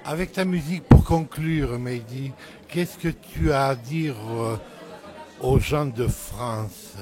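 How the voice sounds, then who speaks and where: A man's voice: medium pitch, slow pace, crowd noise. A man interviewing musicians, asking plain, direct questions.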